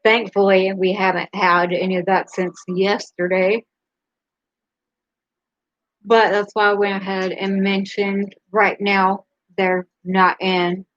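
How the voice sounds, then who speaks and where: A woman's voice: mid-range voice, flat delivery, slow, no echo, dull audio. A woman hosting a casual live stream, speaking candidly and rambling a little, with a laugh between her thoughts. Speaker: livestream host.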